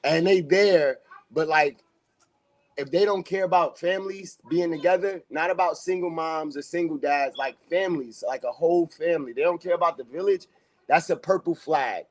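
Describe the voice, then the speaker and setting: A man's voice: on the high side, moderate pace. A man speaking as a guest on a casual podcast, with a loose, rambling delivery full of fillers and street slang. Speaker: podcast guest, community activist.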